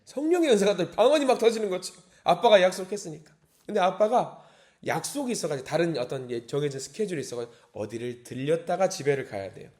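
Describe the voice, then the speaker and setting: A man preaches at an early-morning service, his voice sitting a little high and swinging widely in pitch. He reads scripture slowly and deliberately. He then acts out indignant, pleading prayers with rising intensity. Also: animated, a little mellow. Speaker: pastor.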